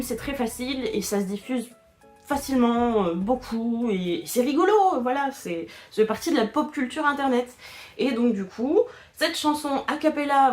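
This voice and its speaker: A woman narrating a casual explainer voice-over. She hesitates a lot, fills pauses and restarts her sentences. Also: on the high side. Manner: hesitant, many fillers and restarts, laughs often. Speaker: video creator explaining internet history. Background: faint background music.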